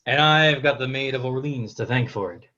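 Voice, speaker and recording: In a comic table-read monologue heard over a lo-fi video call, an actor voices a cocky young French king who curses, boasts and struts like a showman. He's smug, triumphant and indignant, his natural medium-pitched voice bright and forceful at a moderate pace.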